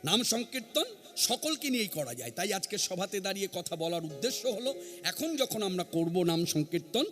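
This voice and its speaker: A man's voice: sits high, very animated, normal speed, over music. A man preaching a devotional sermon to a gathering, earnest and emphatic, repeating his key phrases. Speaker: kirtan singer and preacher. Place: standing before an assembly.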